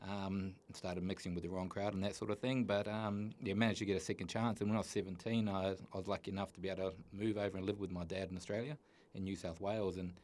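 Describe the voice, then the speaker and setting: A man in his thirties with a New Zealand accent, telling his personal story as a guest in an earnest, halting way with many restarts. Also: deep voice, darkish tone.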